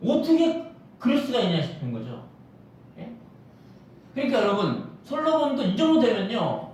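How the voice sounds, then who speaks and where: A man's voice: very high-pitched, very animated, moderate pace, darkish tone, a little hiss or hum. A man pastor preaching a Sunday sermon, firing rhetorical questions at the congregation and acting out quoted voices. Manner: acts out quoted voices of God and Solomon. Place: church sanctuary. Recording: echoey church hall, mic at a distance.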